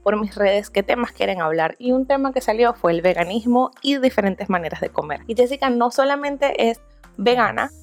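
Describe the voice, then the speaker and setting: A woman's voice: a little high, lively intonation, moderate pace, no room sound, soft background music. A woman hosting a podcast in a casual, conversational Spanglish, dropping English words into her Spanish. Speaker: podcast host.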